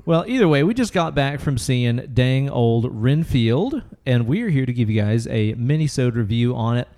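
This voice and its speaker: A man hosting a podcast at a middling pitch. He banters casually, swearing freely and joking in a playfully showy way. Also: very animated, normal speed, dark tone. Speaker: podcast host.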